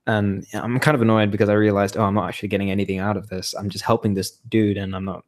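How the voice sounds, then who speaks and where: A young adult man co-hosts a podcast in a lowish voice with little pitch movement, speaking rapid-fire. He chats casually and rambles, laughing often at his own expense.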